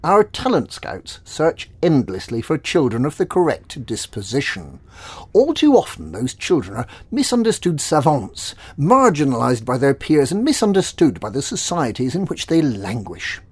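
A smug, secretive male recruiter, played by a man with a thick Slavic accent, who clips every syllable with exactness. His voice is husky and swings widely in pitch. The recording is dry and close, as in an audio drama. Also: big pitch swings, normal speed, a little mellow, no echo.

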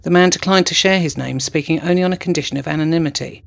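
Male narrator, scripted documentary read, measured formal tone, gravelly edge, slightly high pitch. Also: fairly bright tone. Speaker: narrator, correspondent.

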